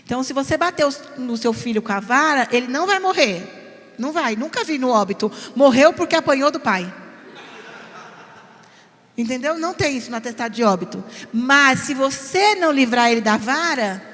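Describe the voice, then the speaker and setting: A woman's voice: sits high, animated, moderate pace, a bit bright. A middle-aged woman with a São Paulo Brazilian accent teaching a church parenting class. She talks emphatically, jokes, and keeps checking in with the audience. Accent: Brazilian Portuguese, São Paulo. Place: church hall. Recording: reverberant church hall.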